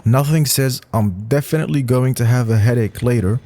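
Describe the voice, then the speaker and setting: A man's voice: mid-range voice, fairly quick, mellow. A man reading online hot takes aloud and giving his own blunt, casual opinions on them, with swearing and frequent restarts. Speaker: narrator and commentator. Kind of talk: reading and reacting to posts.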